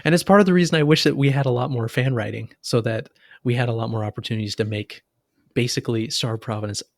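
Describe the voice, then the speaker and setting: A podcast co-host and reader with a gravelly, medium-pitched voice talks quickly in a casual, chatty way. He often hesitates mid-thought while working out what to say, and the sound is clean studio quality with no room sound.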